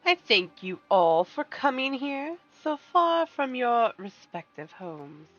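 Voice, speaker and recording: A woman's voice: fairly high pitch, big pitch swings, takes it slowly, fairly bright tone, voice pushed up, heavily acted. A woman voicing the silky, polite, pompous female leader of a villainous order in a video game, speaking with theatrical formality. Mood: polite, grandiose. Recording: dull sound with music behind.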